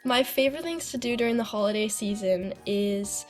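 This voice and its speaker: A woman's voice: fairly high pitch, a little fast, soft background music. A teenage girl from the United States, answering interview questions earnestly, some answers sounding prepared. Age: teens. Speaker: young composer guest.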